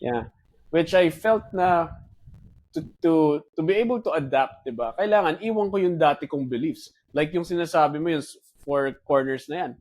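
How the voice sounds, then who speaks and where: A Filipino man in his forties with a Filipino accent talks as a guest in a relaxed conversation. His voice sits fairly high, and he tells stories in an animated way, switching freely between English and Tagalog. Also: moderate pace. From Philippines. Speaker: guest, wealth manager. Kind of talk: casual conversation.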